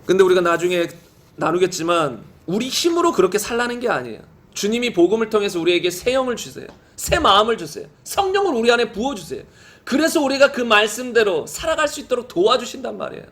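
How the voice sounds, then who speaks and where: During a Sunday sermon, a pastor whose voice is notably high for a man and a bit bright swings widely in pitch. After solemn, slow scripture reading, he pushes his points with repeated rhetorical questions aimed at the congregation.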